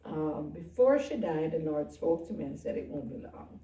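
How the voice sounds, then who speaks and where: Woman pastor, soft-spoken, candid, mellow warm tone, echoey distant recording. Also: sits low, expressive, normal speed. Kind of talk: candid interview talk. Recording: roomy sound from a distant mic.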